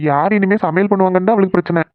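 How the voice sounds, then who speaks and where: A voice actor playing a teasing young husband and son-in-law in a cartoon, explaining things quickly. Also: medium pitch, steady tone, no echo, close to an everyday voice. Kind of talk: Tamil cartoon dubbing. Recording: tinny phone-like sound.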